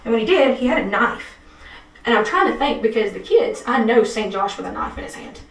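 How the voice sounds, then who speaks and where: A woman's voice: a little high, lively intonation, fairly quick, creaky, distant mic. A woman being questioned by detectives, rambling anxiously with many restarts. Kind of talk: police interview statement. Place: police interview room. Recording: echoey room, speaker off-mic.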